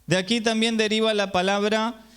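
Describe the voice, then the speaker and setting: A man with a high-sitting, smooth, fairly bright voice preaches in a flat delivery at a moderate pace. Before his congregation he teaches patiently, posing rhetorical questions to check on his listeners.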